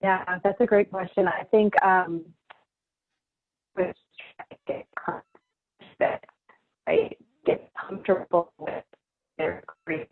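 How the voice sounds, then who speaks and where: A woman clinician on a parenting webinar panel, speaking calmly over a video call whose audio crackles and cuts out. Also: lowish voice, takes it slowly, pauses often, phone-quality sound. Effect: crackly audio that cuts out over a loose connection.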